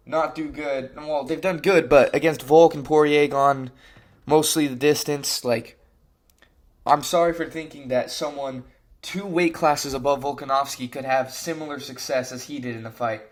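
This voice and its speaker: A young man giving a casual fight breakdown, talking animatedly and exasperatedly, filling his sentences with slang. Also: a little high. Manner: animated, frequent "bro", exasperated rants. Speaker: MMA commentator.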